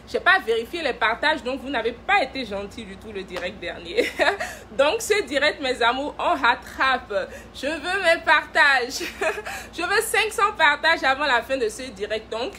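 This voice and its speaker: A high, bright-voiced woman chatting on a live stream to sell her cosmetics line. She teases her viewers playfully, laughs often and greets them by name. A faint hum of room sound sits behind her. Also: big pitch swings, unhurried. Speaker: cosmetics brand director hosting a live stream. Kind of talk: casual live-stream selling chat.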